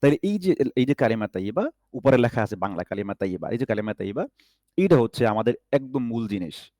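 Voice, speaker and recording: A man's voice: medium pitch, sing-song, fast, dark tone, no echo, studio quality. A man teaching an online recitation class, patiently stretching out each syllable as he demonstrates and often checking that his students follow.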